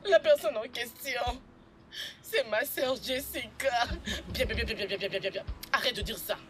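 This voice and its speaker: A woman's voice: a little high, normal speed, close to an everyday voice. A woman dubbing a mother who comforts and scolds her crying daughter in French, in an insistent manner, over background noise. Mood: soothing. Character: middle-aged mother soothing her daughter. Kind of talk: French film dub.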